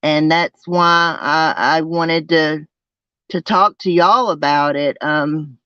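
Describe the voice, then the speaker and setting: A person with a twangy Southern US accent, chatting casually to a livestream, haltingly and with repeated phrases. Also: mid-range voice, steady tone, pushed and bright, clear, resonant tone, no echo. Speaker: livestream host. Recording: dull lo-fi sound.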